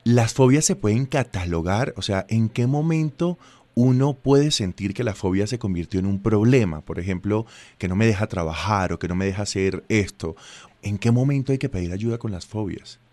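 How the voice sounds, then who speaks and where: Low-voiced male radio host, dry sound. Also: moderate pace, a little mellow, dry recording. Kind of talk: radio interview.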